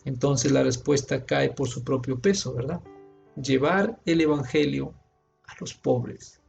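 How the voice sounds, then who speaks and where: A man with a Peruvian Spanish accent, a pastor, teaching a Sabbath school lesson as a sermon and rising loud on key points. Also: mid-range voice, fairly even intonation, unhurried, vocal fry, muffled recording, soft background music.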